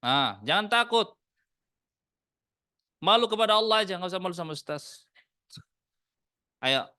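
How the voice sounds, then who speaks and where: A man with an Indonesian accent teaching an Arabic class in a mosque study room, in a casual classroom manner, mixing Arabic phrases into relaxed Indonesian with joking asides. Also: high-pitched, measured pace, clean tone, no echo, studio quality.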